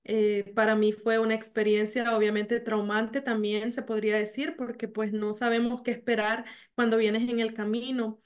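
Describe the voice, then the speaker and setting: A woman, telling her story haltingly over a video call, full of fillers and restarts. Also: on the high side, level tone. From El Salvador. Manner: hesitant, many fillers and restarts. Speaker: mayor, interview guest. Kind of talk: remote interview. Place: small home office.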